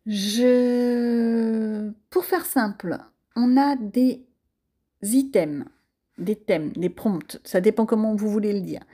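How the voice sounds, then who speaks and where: A woman's voice: mid-range voice, takes it slowly, warm tone. A French-accented woman chatting casually through a crafting tutorial, self-deprecating and full of fillers. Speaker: crafting vlogger.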